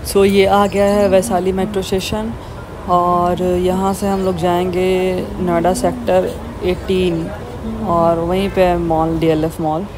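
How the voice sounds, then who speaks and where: A man's voice: high voice, flat delivery, takes it slowly, music in the background. A young man from India giving a casual walking tour as a vlogger, chatting like a tour guide while filming on his phone in a metro and a mall. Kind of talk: casual walking vlog narration. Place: metro and shopping mall, indoors. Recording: noisy phone recording on the move.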